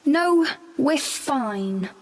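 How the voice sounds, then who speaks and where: A woman's voice: sits high, expressive, very slow, dry recording, heavily acted. A woman voicing a young girl witch, earnest and a little shy, in a storybook game.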